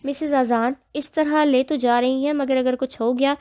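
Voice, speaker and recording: A woman's voice: high voice, steady tone, darkish tone, clear, resonant tone, dry recording, studio quality, natural voice. A woman voicing a formal, cautious male hospital doctor in a storybook reading. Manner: formal, warning.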